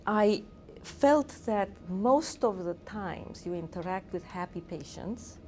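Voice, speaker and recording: A woman's voice: on the low side, a little mellow, slight background noise. A middle-aged woman from Romania, a physician and researcher, speaking earnestly in an interview with fillers and restarts. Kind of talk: interview talk.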